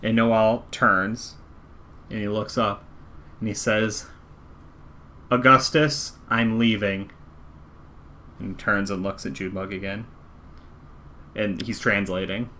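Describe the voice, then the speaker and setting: A man with a slightly low voice narrates a tabletop game as its game master. His delivery is relaxed and playful. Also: measured pace, pauses often, a little hiss or hum.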